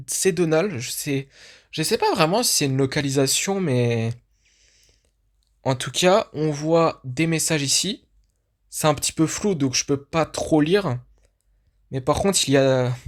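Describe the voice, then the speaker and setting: On YouTube, a host with a medium-pitched voice offers casual commentary on a film teaser. The host sounds like an enthusiastic fan thinking aloud, full of restarts and fillers.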